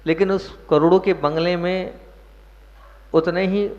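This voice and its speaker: A man's voice: sits high, fairly even intonation, a little slow. A man giving a sermon as a Jain monk, explaining verses and putting questions to his listeners. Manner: explains verses, asks the audience questions, stresses words. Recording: muffled echoey hall recording.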